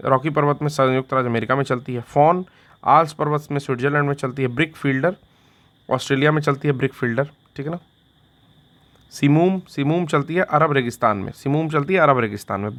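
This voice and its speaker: A man's voice: fairly high pitch, a bit bright. A man teaching an exam revision lesson in Hindi, repeating each fact and quizzing himself with a question and its answer, with "theek hai" after each point.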